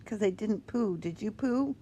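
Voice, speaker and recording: In a noisy home recording full of bird sounds, a woman coos affectionately to her pet bird in simple, repeated phrases. Her mid-range voice is mellow and moves at a moderate pace.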